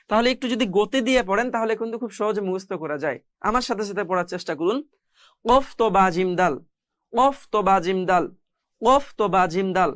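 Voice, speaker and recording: A man's voice: high-pitched, fairly bright tone, no echo, studio quality. A man teaching Quran recitation, patiently repeating letters and syllables in a spelling drill.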